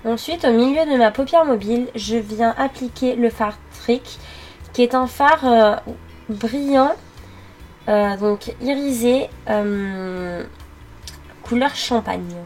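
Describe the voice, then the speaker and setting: Higher-voiced young woman doing makeup voice-over. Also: darkish tone, faint music behind. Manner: halting, many fillers while working. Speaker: beauty vlogger.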